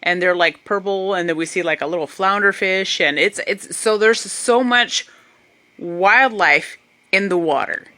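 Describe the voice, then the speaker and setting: Bright-voiced woman telling a funny story. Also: mid-range voice, a little slow. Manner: animated, puts on voices for others. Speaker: vlogger. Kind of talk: casual storytelling.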